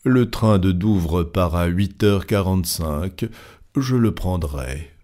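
A man doing an unflappable English gentleman. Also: deep voice. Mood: unruffled. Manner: calm, terse, measured.

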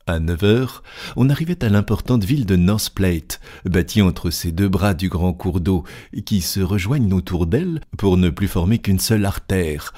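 Deep, slow-reading male narrator. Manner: steady, deliberate storytelling. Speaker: audiobook narrator. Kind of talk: scripted narration.

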